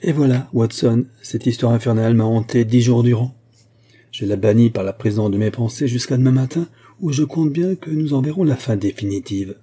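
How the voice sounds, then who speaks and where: A man reading as a brilliant detective in an audiobook, crisp and emphatic with a dry irony. the voice stays very dark and husky, lifted a little in pitch for the part. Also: fairly quick, lightly acted. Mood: assured. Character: brilliant, ironic male detective.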